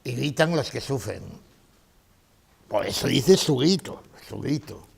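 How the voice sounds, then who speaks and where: A man's voice: mid-range voice, expressive, unhurried, creaky, a little hiss or hum. A man giving a conference lecture, emphatic, repeating his key phrases and asking rhetorical questions.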